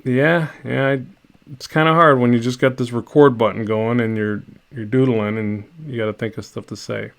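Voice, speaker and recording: Gravelly, rambling middle-aged man. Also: mid-range voice, steady tone, normal speed. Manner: rambling, self-deprecating, many restarts. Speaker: artist live-streaming a digital painting. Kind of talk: casual rambling live-stream chat. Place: home studio.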